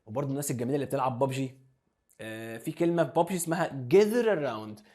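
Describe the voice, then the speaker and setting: Fast-talking Egyptian teacher drilling vocabulary. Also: male voice, medium pitch, mellow. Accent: Egyptian Arabic. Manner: drills pronunciation, mixing Arabic and English. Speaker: English teacher. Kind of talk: classroom lesson explanation.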